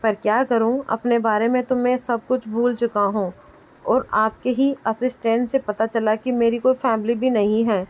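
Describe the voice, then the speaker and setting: A woman's voice: on the high side, little pitch movement, normal speed, lightly acted. A woman reading the lines of a polite, apologetic man who has lost his memory in a storybook tale. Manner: formal, apologetic.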